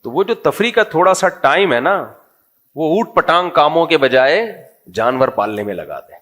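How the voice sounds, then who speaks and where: A man's voice: a little high, very animated, fairly bright tone. A middle-aged man, a religious scholar, giving a humorous, conversational religious talk and quizzing his audience.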